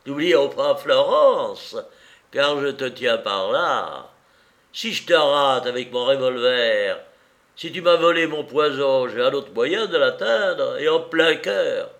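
A man's voice: mid-range voice, lively intonation, slow pace, vocal fry, a bit bright, exaggerated voice. A man voicing a vicious crippled bandit who taunts with strident, cackling glee. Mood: gloating. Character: gloating crippled male bandit, vicious and shrill.

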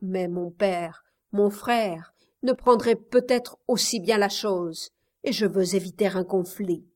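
A woman voicing a gentle young Spanish woman who speaks softly and reproachfully in a storybook reading. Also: mid-range voice, takes it slowly, lightly acted. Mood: pleading, proud. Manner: soft, reproachful delivery.

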